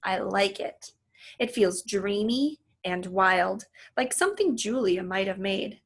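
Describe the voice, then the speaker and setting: A woman reading a children's book aloud in an animated, storytelling manner. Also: medium pitch, takes it slowly, breathy edge. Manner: animated, acts out the dialogue. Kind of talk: expressive read-aloud narration with asides to listeners.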